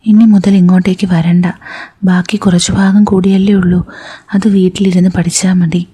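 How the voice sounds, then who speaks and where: A woman's voice: on the low side, flat delivery, moderate pace, dark tone, husky. A woman voicing a stern, offended young woman teacher in a whispered role-play, talking curtly and scolding. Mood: stern, cold. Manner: curt and scolding.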